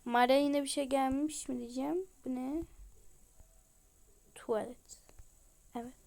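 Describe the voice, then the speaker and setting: A high-pitched, gravelly-voiced woman game vlogger talks her viewers through a game a little slowly, in a casual, chatty way. She reacts excitedly to each new find and gushes with exclamations over the cute items.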